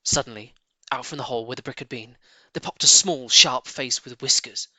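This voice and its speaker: A man reading a children's story aloud with expressive narration. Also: medium pitch, fairly quick, dry recording, low-quality recording. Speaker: audiobook reader.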